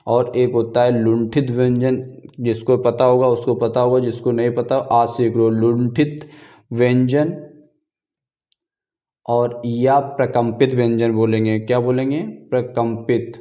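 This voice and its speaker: A man teaching an exam-prep grammar lesson, repeating key terms slowly and answering his own questions. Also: medium pitch, little pitch movement, mellow. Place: room, writing on paper.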